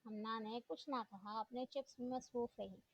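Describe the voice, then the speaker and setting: A woman reading a novel aloud in a steady storytelling voice. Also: fairly high pitch, moderate pace, slightly rough, no echo. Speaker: narrator. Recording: dull dry lo-fi recording.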